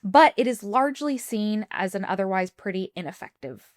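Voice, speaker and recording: A woman's voice: mid-range voice, lively intonation, moderate pace. A young woman co-hosting a casual podcast, chatty and full of fillers as she walks her co-host through a story. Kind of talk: casual chat.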